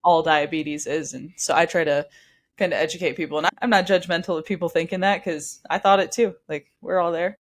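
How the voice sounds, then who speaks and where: A woman's voice: on the low side, steady tone. Chatty young woman, a bit stuffy. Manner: chatty, quick, with frequent likes and restarts. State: stuffy from allergies. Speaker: podcast guest. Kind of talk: casual storytelling interview.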